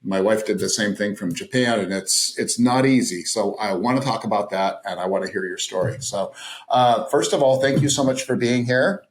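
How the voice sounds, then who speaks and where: A man's voice: lowish voice, moderate pace. A man hosting a podcast interview, enthusiastic and chatty, often repeating phrases for emphasis. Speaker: podcast host. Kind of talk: casual interview chat.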